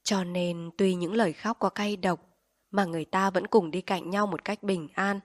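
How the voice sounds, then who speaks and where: A woman narrating an audiobook in a calm, measured storytelling voice. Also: on the low side, no room sound, clean studio sound. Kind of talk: audiobook reading.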